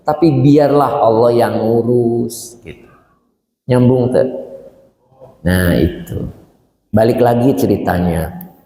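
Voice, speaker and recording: Lively preacher in an echoey hall. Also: male voice, mid-range voice, takes it slowly, pauses often, slight background noise. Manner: lively storytelling, addresses listeners as Bapak and Ibu. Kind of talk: sermon. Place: mosque or hall gathering. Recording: roomy hall echo.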